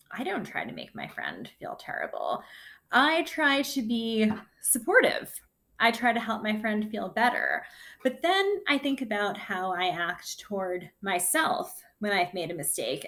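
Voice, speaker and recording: A sixth grade teacher, a woman with a medium-pitched voice, reads a picture book aloud to children. Her phrasing is gentle, deliberate and expressive, and she adds her own commentary along the way.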